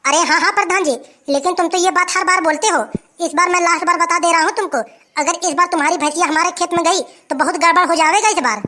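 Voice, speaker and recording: A performer voicing an angry old farmer in a who shouts complaints and threats. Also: very high-pitched, steady tone, fast talker. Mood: angry complaining. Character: grumpy old village man, angry farmer.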